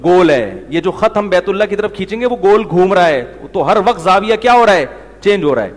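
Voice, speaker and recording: A man with a high, lively voice preaches a conversational sermon in Urdu, his Pakistani accent carrying through a big-room sound. The Islamic preacher tells anecdotes and acts out what people said, shifting his voice for each quote.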